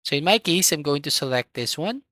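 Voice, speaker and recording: A tutorial host walks through software step by step in an instructional manner, recorded close to the mic with no room sound. The mid-range voice is animated and a little fast.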